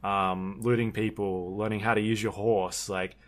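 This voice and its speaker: A man's voice: on the low side, little pitch movement, normal speed. A man co-hosting a podcast in casual chat, rambling along with many ums and restarts. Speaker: podcast co-host.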